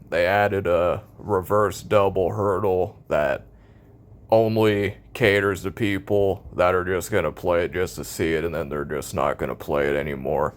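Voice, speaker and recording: An American man in a casual, opinionated rant about a video game, blunt, cynical and sarcastic in his complaints. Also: low voice.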